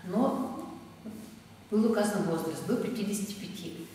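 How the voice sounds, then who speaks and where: A woman in her sixties, a dance student, telling her story in a plain, unhurried way with many fillers. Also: mid-range voice, expressive, mellow, a little hiss or hum. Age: 60s. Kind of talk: casual interview. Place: large dance studio, indoors. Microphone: far camera. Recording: echoey hall from far off.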